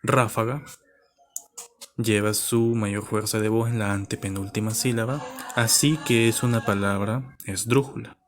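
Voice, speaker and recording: A man explains a lesson in a low, steady voice. He goes step by step and often stops to ask if his listeners are following. Birds and a rooster are clearly heard in the background. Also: normal speed, slight background noise. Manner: patient, checks in with "¿ok?" and "¿ya?". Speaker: teacher.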